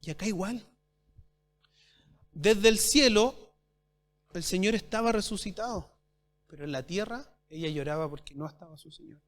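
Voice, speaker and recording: A man preaching a sermon as pastor at a church service, asking his congregation rhetorical questions and swinging between loud and soft. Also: sits high, moderate pace, pauses often. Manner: addresses congregation as brothers.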